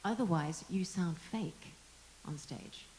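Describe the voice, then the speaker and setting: Reflective woman on a panel, low voice. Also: slow, mellow, a little hiss or hum, rough recording. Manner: reflective, searching for words with many restarts. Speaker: actor on a discussion panel. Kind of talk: panel discussion.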